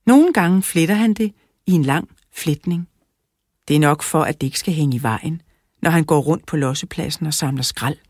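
A woman narrating a children's audiobook in a clear, even storytelling manner, close to the mic. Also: sits low, no echo. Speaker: audiobook reader.

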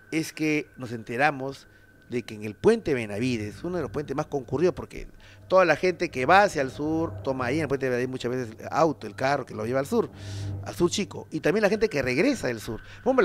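A man with a Peruvian accent hosting a paranormal show, telling stories in a loose, slangy, animated way with lots of fillers. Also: mid-range voice. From Peru. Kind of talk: casual paranormal storytelling.

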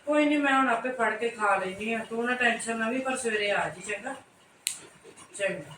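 A woman's voice: on the high side, close to an everyday voice. A woman playing a nagging older mother-in-law in a comic family skit, with a Punjabi accent, who grumbles and scolds. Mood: complaining. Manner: grumbling, complaining, quick to scold. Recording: roomy, distant, noisy home recording.

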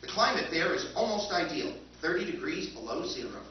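A man performs a courteous, unrelenting robot ship caretaker for a stage recreation of old-time radio, in front of an audience in a hotel function room. His delivery is calm and formal, measured, with a quiet menace, in a voice pitched a bit high. Captured by a stand mic and distant camera, it sounds dull and far off, heavily echoing, with slight background noise.

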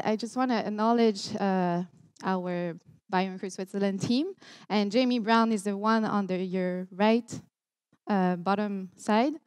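Speaking into a headset mic in a big lecture hall, this keynote speaker from Montreal, Canada, has a smooth, mid-range voice. She's young and earnest, with a Quebec French accent, and her conference talk is dotted with ums and restarts.

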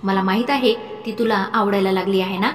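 A woman plays an older mother figure in an audiobook story, coaxing and firm by turns. The delivery is slow and deliberate. The voice echoes in a reverberant room with faint music underneath. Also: mid-range voice, steady tone, lightly acted. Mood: pleading. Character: older mother figure, fond but insistent. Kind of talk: audiobook narration.

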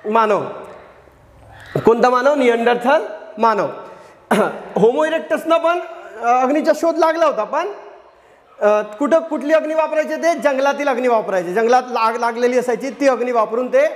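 A man's voice: extremely high pitch, big-room sound. A man teaching a history lesson. He speaks with a Marathi accent, keeps asking the class questions, answers them himself and repeats the key words. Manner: often adds a tag question. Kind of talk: classroom lecture.

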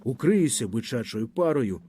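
A man reading a literary story aloud with lively, expressive storytelling in a boy's first-person voice. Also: medium pitch, normal speed, slight background noise. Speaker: audiobook narrator.

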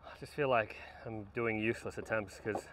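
Outdoors at a skate spot in strong sun, a tired, worn-out skateboarder vlogger in his thirties talks to himself between attempts, coaching himself casually. His voice is fairly low and steady at a moderate pace, caught by a distant camera mic with background noise.

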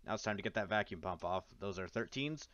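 A man narrates a casual how-to video as host in a fairly low, expressive, slightly bright voice, talking fast. He drops wry, self-deprecating asides, and the voice-over is dry, dull and lo-fi with no room sound.

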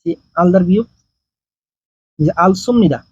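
A man with a high, dark-toned and slightly husky voice teaches a grammar lesson. He explains step by step and answers his own questions. The sound is dry and a little dull. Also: animated, quick pace, dry recording. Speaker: language teacher.

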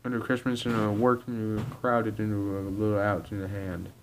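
A man reading aloud and voicing a grumpy, gruff male ogre who is a father wanting a quiet holiday with his family. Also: lowish voice, level tone, moderate pace, a little hiss or hum, lightly acted, rough recording. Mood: grumbling.

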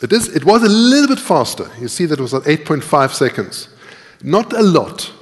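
A middle-aged conference speaker, voice a little high and very animated, talks at a moderate pace through a live coding lecture, typing while he explains and reasons aloud. He is in a large tiered lecture hall, which gives the recording a long, echoey reverb.

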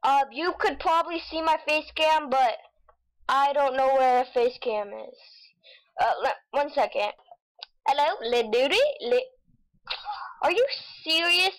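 A woman giving excitable gameplay commentary, with frustrated outbursts and silly nonsense sounds. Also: high voice, unhurried, long pauses, low-quality recording. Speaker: gamer. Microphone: desk mic with face cam.

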